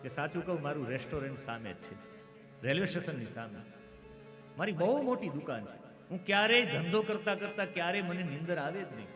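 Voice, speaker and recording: A man's voice: on the high side, lively intonation, brisk, lightly acted. A man telling as a tearful pious shopkeeper. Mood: earnest. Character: weeping pious middle-aged male shopkeeper. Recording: reverberant hall with music behind.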